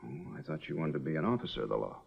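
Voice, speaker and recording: An actor playing a steady, level-headed frontier marshal who speaks in a measured, firm way, in a 1950s TV western. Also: male voice, a bass voice, gravelly, slightly rough, exaggerated voice. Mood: calm. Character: calm, steady frontier marshal, grown man. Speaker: town marshal. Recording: dull lo-fi old TV sound.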